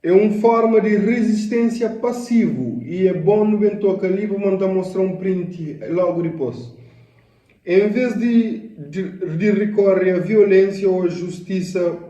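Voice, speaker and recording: A man's voice: sits high, measured pace, mellow, echoey room, recorded from a distance, lo-fi sound. A man giving casual, opinionated commentary on a video clip, talking loosely in slang and dropping in English phrases.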